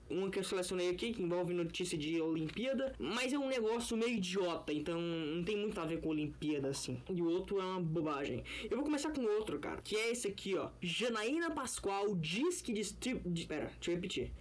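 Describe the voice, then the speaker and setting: A man hosting a casual solo podcast from his bedroom, talking in a loose, rambling and profane way. His mic gain is set too high, so his voice comes through clipped and distorted. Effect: clipped, distorted audio from mic gain set too high. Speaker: podcast host. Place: bedroom in an apartment building. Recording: overdriven, clipping home mic.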